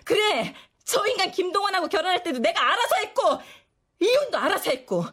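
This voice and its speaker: Scornful, sharp-tongued daughter. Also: female voice, extremely high pitch, sing-song, a little fast, exaggerated voice. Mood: pleading. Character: sharp-tongued, exasperated woman in her thirties. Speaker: daughter and ex-wife. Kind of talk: TV drama acting.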